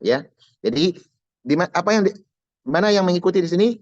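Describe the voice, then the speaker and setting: A man's voice: high voice, expressive, a little fast, dry recording, dull audio. A man teaching an Arabic grammar class online, explaining patiently and repeating key words step by step.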